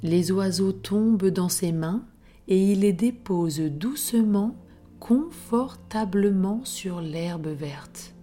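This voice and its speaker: A woman narrating a children's bedtime story in a hushed, unhurried way, often slipping into a whisper. Her voice is mellow and warm, at an even middle pitch. Gentle music plays faintly underneath.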